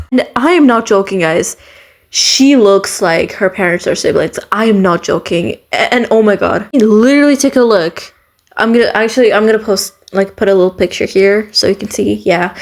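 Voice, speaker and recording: A woman ranting through a rambling, sarcastic commentary vlog, giggling often and filling her talk with "um" and "guys.". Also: on the high side. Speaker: commentary YouTuber. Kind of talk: rambling casual commentary rant.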